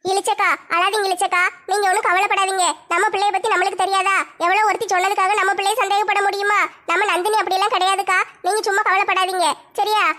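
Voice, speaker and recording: A fast squeaky neighbour. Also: female voice, level tone, pushed and bright. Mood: soothing. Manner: brisk, scolding. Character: scolding village neighbour woman, defensive and bossy.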